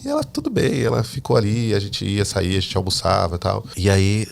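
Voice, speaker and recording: A man telling his personal faith testimony as a podcast guest, a lively storyteller who acts out the dialogue he quotes. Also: lowish voice, a little fast, vocal fry. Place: living in the United States.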